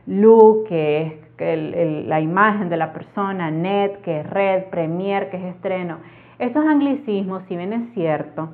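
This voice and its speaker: A woman with a Latin American Spanish accent, teaching a language lesson and explaining each point clearly and methodically with examples. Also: lowish voice, a little slow. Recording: narrow phone-like audio.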